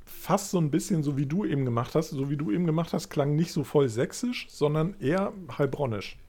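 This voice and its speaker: A man's voice: fairly high pitch, animated, brisk, warm tone. A man on a podcast panel in casual chat, teasing and questioning the others.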